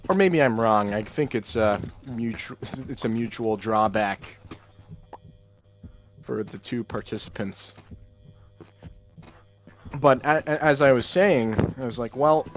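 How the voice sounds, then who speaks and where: A young man doing gameplay commentary in a deadpan monotone, rambling through offbeat musings. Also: mid-range voice, takes it slowly, long pauses, highs cut off. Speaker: gaming channel host.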